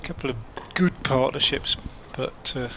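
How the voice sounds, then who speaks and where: A man working as a cricket commentator, calling play ball by ball in a measured way with pauses mid-sentence. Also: medium pitch, creaky, pushed and bright. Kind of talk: live cricket commentary with unhurried ball-by-ball description. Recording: outdoor ambient noise behind voice.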